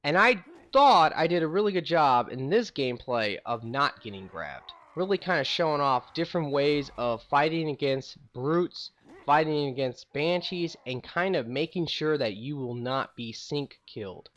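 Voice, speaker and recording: A gaming YouTuber from St. Louis, USA, casually rambles through stories about his life to the camera, filling his talk with fillers. He's a young man with a slightly high, expressive, fairly bright voice at a moderate pace.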